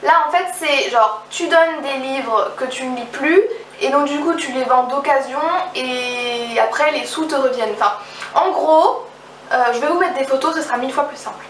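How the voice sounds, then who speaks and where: A woman's voice: high-pitched, normal speed, fairly bright tone. A young woman chatting enthusiastically about the books she bought, often trailing off and restarting her sentences. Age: young adult. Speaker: book vlogger. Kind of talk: casual book haul vlog. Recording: roomy, slightly distant mic, faint background noise.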